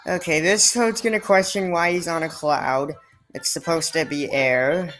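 Deep and steady, a woman's voice moves a little slowly over faint music. She is a gameplay commentator giving casual let's play commentary with a sarcastic edge, reading the game's lines aloud as she goes.

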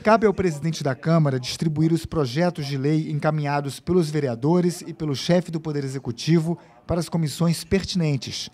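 A male news reporter with a Brazilian Portuguese accent narrates a scripted report in a measured, formal way. His voice sits a little high and sounds mellow.

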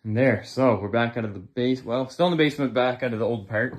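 A man's voice: mid-range voice, fast talker. A real estate agent, a man, giving a casual walk-through of an old stone basement, talking plainly with fillers as he goes, recorded on a handheld phone. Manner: relaxed, plain-spoken, thinking aloud with fillers. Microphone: phone camera held by the speaker, moving.

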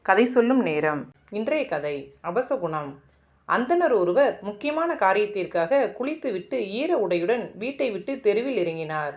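A woman storyteller narrating a children's moral tale in a calm, measured way. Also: medium pitch.

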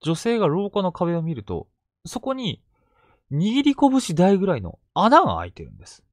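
A man retelling collected true ghost stories in a hushed, suspenseful storytelling manner with sudden vivid turns. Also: sits high, wildly swooping pitch, moderate pace, dry recording, clean studio sound.

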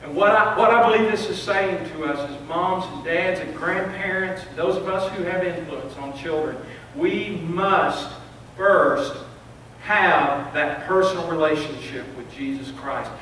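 A middle-aged pastor with a fairly high voice preaches in a large sanctuary, his words ringing through heavy room echo. He sounds set back from the lectern microphone, with faint hiss underneath. He presses his points earnestly, restarting phrases as he builds. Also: unhurried, a bit bright. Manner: earnest preaching with rising emphasis and repeated restarts. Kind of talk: sermon. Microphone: lectern microphone, filmed by a far camera. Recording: echoey sanctuary, distant mic, faint hiss.

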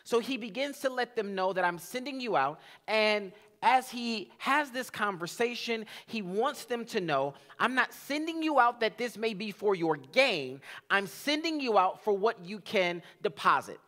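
A young man, a church pastor, teaching a sermon in a church sanctuary on a headset mic. He reads scripture slowly and says amen often. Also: high-pitched, sing-song, pushed and bright. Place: church sanctuary, drum kit behind.

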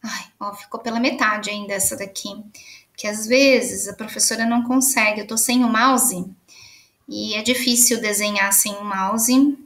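A woman's voice: medium pitch, steady tone, normal speed, a bit bright, reverberant. A Brazilian woman teaching young children in an online literacy lesson, patiently stretching out words as she marks them. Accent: Brazilian Portuguese.

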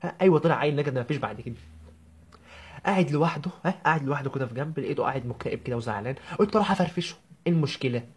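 A man putting on a young Egyptian newlywed woman, griping to her mother in a comic phone-call sketch. The voice is pitched a bit high and husky, and it rattles along at a breakneck pace. She sounds whiny and indignant throughout. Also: expressive. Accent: Egyptian Arabic. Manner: whiny, indignant, rapid rambling. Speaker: comedian.

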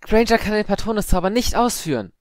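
A man voicing a frightened but indignant schoolgirl, shrill and shaky, in an audiobook. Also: brisk, dry recording, studio quality, close to an everyday voice.

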